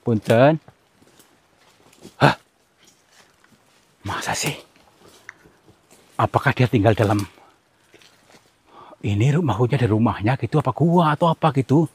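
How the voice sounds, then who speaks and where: A man, from Central Java, hosting a ghost-hunting vlog outdoors in a forest, giving hushed commentary and coaxing with repeated soothing words. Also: mid-range voice, a little slow, long pauses, a little hiss or hum. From Central Java, Indonesia. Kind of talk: hushed on-location exploration commentary.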